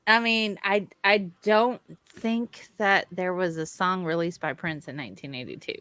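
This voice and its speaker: A woman's voice: fairly low pitch, moderate pace, fairly bright tone, no room sound. A woman co-hosting a podcast in casual comedy chat, chatty and playfully teasing. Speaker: podcast co-host.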